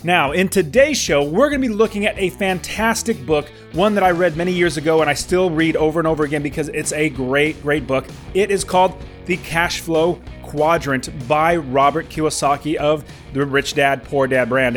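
A man of forty hosting his podcast, talking in an enthusiastic, encouraging way, with some fillers and restarts. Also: a little high. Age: 40s. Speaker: podcast host. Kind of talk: upbeat podcast monologue.

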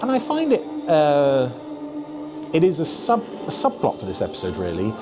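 A man's voice: fairly high pitch, huge pitch swings, normal speed, over music. A man hosting a casual episode commentary in a wry, musing way. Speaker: host.

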